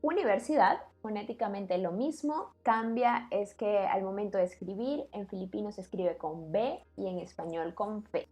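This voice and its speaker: A woman's voice: mid-range voice, expressive, normal speed, few pauses, darkish tone, faint music behind. A woman co-hosting a casual podcast chat, explaining words patiently and laughing easily. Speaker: co-host explaining language.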